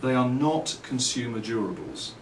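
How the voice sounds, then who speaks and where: Speaking from a trade show floor indoors, a middle-aged Englishman who owns a company and works as a designer gives thoughtful, well-spoken interview answers in measured phrases, sharing anecdotes along the way. His mid-range voice has a sing-song lilt and his accent is English. The distant mic picks up a roomy sound with faint background noise.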